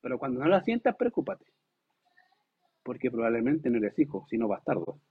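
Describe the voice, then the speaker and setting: A pastor delivering a lively, conversational sermon, asking the congregation rhetorical questions and acting out quotes. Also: male voice, medium pitch, a little fast, husky. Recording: tinny phone-like sound.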